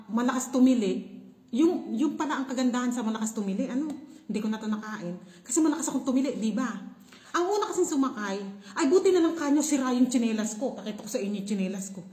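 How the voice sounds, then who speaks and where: A young Filipina woman telling a story in a casual vlog, animated and laughing often. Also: high voice, echoey room. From Philippines. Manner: animated, laughing, shrieks when reenacting. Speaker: vlogger.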